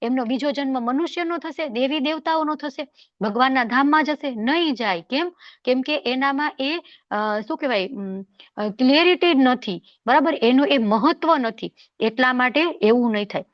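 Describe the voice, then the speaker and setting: A woman with a fairly high voice leads a devotional scripture class. She talks in a chatty, questioning way, often checking that her listeners follow along. The sound is dull and lo-fi, with a dry, close feel. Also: normal speed, no echo. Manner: conversational, asks rhetorical questions and checks for agreement. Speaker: Bhagavad Gita class teacher.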